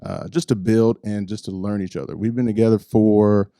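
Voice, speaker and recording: A man with a low, dark, mellow voice chats on a podcast in a reflective way. He pauses often to gather his thoughts. The sound is close and dry. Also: fairly even intonation, creaky, no room sound. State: married one year. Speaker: podcast co-host. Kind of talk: casual chat.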